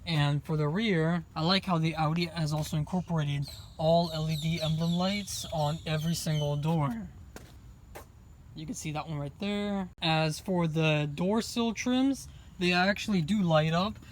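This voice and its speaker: Male car reviewer with a high voice, filmed on his own handheld phone outdoors, faint background hiss, chatty and keen. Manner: chatty, enthusiastic, pointing things out. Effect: phone video recording. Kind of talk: casual walk-around car review. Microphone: phone camera held in hand.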